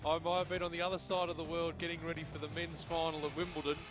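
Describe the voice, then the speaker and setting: A middle-aged Australian man hosts a football broadcast, chatting and cracking jokes before reading out scores and ladder standings. His voice is fairly high and his delivery flat and quick, with music in the background.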